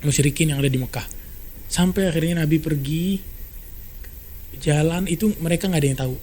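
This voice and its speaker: A man tells a story in a relaxed podcast conversation. His speech is fast and animated, and his voice sits a little high. Faint ambience hums under the recording. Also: a little hiss or hum. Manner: brisk, animated retelling with quoted dialogue. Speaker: storyteller guest.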